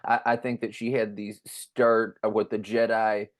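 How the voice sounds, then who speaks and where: Low, flat-voiced male podcast host. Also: unhurried. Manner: rambling, restarts, enthusiastic fan talk. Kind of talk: casual chat.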